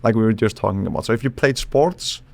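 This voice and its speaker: A low-pitched man talks through his ideas as a podcast guest. He pauses and restarts mid-phrase as he thinks aloud, in a relaxed, casual conversational way. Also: vocal fry. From Iceland. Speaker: psychologist and charisma expert guest.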